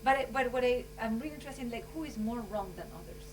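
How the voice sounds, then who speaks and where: Woman, kinda rambling conference talk, higher voice, mic far off with hum behind. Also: quick pace. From Chile. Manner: earnest, rambling, full of "you know" and "like". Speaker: scientist speaking at a conference. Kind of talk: informal closing remarks at a conference. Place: conference room.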